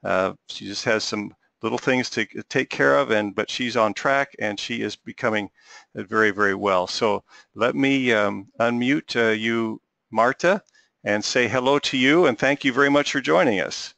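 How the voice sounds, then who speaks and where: A middle-aged man hosting an interview, courteous and halting, with many filler sounds. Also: medium pitch, gravelly, sharp tone, no room sound. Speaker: host.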